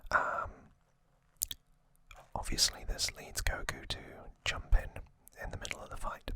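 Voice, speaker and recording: An intimate, halting whisper, breathy and unvoiced, carries this man's casual recap for his ASMR video. His tone has a sharp edge.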